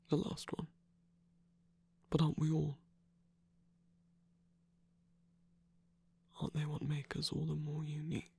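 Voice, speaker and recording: A performer whose sex is unclear uses a mid-range, breathy, husky voice to play a battle-scarred but affectionate villain lover in intimate ASMR roleplay. Soft-spoken and teasing, the mood here is tender and reassuring.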